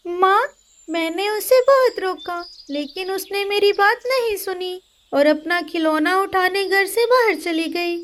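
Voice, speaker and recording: A woman's voice: very high-pitched, a little slow, a bit bright, pitched above the performer's own voice. Woman doing a bossy boy bird. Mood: remorseful. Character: bossy young boy bird, big brother.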